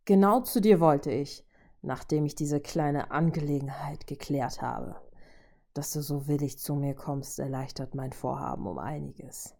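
A woman voicing a cold, menacing male robot villain in a low, hushed murmur. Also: unhurried.

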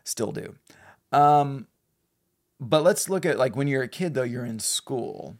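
A man's voice: mid-range voice, lively intonation, a little slow, darkish tone. A man in his forties co-hosting a podcast, chatting casually and rambling with self-deprecating humor. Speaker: podcast co-host. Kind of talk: casual chat.

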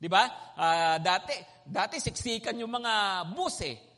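A man's voice: high voice, lively intonation, unhurried, a bit bright. A man preaching in a polite, conversational way, often checking in with his listeners through tag questions. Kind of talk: conversational sermon. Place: Manila. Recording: hall reverb.

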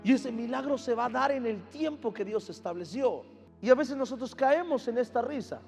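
A man's voice: extremely high pitch, lively intonation, moderate pace, creaky, darkish tone. A man preaching as a pastor, calling the crowd to repeat after him and acting out the voices he quotes. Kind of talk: sermon. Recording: long hall reverb, faint music behind.

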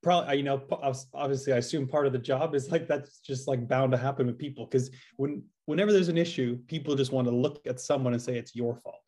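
A man's voice: medium pitch, fairly even intonation, fast, hardly any pauses, darkish tone. Rambling, laid-back male podcast co-host. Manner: rambling, filler-heavy, swears casually. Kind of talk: casual podcast chat.

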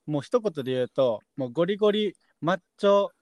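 Lively, polite podcast host man. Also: high-pitched, fairly quick, no room sound. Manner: polite and playful, laughs often. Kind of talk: casual podcast chat.

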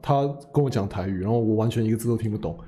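A young man, telling a story in casual chat. His voice is very dark and mellow, and he rattles along quickly, restarting phrases and laughing at himself. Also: fairly low pitch, a little hiss or hum. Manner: rambling, self-correcting, laughs at himself. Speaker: podcast co-host.

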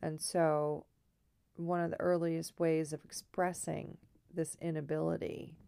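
Croaky, low-pitched woman with a frog voice. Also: level tone, measured pace, warm tone, no echo, studio quality. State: throat trouble, hoarse. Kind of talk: casual personal monologue, thinking aloud.

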